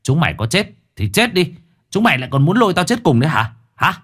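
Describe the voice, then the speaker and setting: A man's voice: fairly high pitch, big pitch swings, fast talker, a bit bright, husky, voice pushed up, full character voice. A man voicing a two-faced male servant who snaps at others and grovels to his master. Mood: angry. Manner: whining, fawning.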